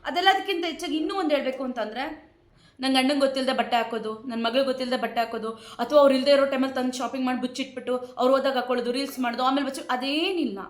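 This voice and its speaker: Kannada-accented woman vlogging, fed up with critics, higher voice, echoey room. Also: racing. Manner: indignant, repeats points with rhetorical questions. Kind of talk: emotional direct-to-camera talk.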